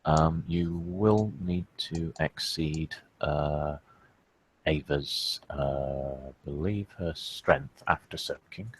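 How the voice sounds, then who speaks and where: Guy running a tabletop game, deep voice, slow and halting, slightly husky. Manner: hesitant, lots of fillers. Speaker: storyteller.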